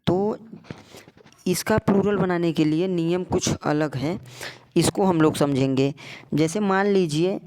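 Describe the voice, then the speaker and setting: An English tutor gives an explanatory lesson, speaking slowly and deliberately in a clear, resonant voice that's high-pitched and a little mellow. He repeats words often and keeps asking his students either-or questions.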